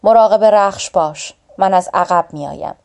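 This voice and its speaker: A woman's voice: mid-range voice, gravelly, darkish tone, lightly acted. A woman reading the lines of an aging, weary male hero in a storybook tale, in a sober, resigned way. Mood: grave.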